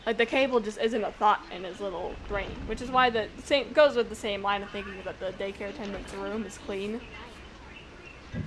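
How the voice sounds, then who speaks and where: A woman streaming from home, chatting casually and excitably about game theories, rambling and talking to her pet along the way. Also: mid-range voice, normal speed. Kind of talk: casual chat. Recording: noisy home stream audio.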